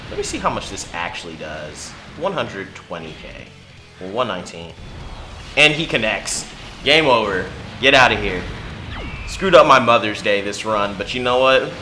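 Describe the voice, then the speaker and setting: A man's voice: lowish voice, very animated, normal speed, music in the background. A man casually commenting on his own mobile game run, talking to himself and his viewers as he plays. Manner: chatty, mutters to himself, bursts loud at big hits. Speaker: gaming channel host.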